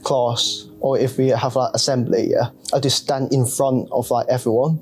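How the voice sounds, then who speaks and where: A young man from Hong Kong, a student chatting in a relaxed way with short, simple phrasing. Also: medium pitch, normal speed, slightly rough, soft background music, low-quality recording. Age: young adult. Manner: laid-back, simple phrasing, short reactions. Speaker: student discussion participant. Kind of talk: casual debate chat.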